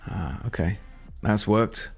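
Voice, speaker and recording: A man's voice: lowish voice, takes it slowly, slightly rough, faint music behind. A man thinking aloud and rambling as he codes on a casual live stream. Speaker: software developer live-streaming.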